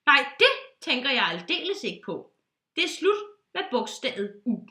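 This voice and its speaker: A woman voicing a fussy, bossy duck pilot in a read-aloud storybook who scolds in a loud, high, pompous way. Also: big pitch swings, exaggerated voice. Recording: roomy echo.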